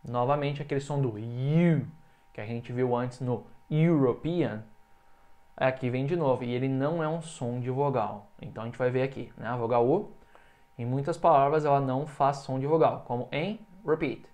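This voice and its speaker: A man teaching English in in an online lesson, explaining a rule and then saying example words slowly for the learner to repeat. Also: medium pitch, darkish tone. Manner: checks in often with quick casual asides. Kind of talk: recorded online language lesson.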